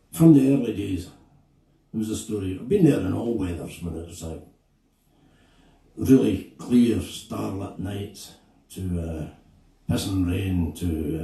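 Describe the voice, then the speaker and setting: Slow, gravelly Scottish man telling a story. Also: sits low, lively intonation, mellow. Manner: slow, halting, reflective storyteller. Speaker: singer-songwriter. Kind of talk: storytelling between songs at a live gig. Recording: echoey room, distant mic, guitar behind.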